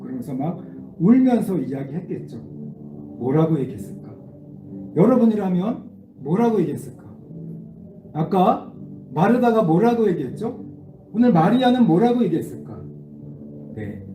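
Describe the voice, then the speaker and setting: A man's voice: high voice, normal speed, pauses often, faint music behind. A man giving a children's sermon, asking the kids questions as he leads them through a Bible passage. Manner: animated, asks the children questions. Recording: echoey room, distant mic, faint noise.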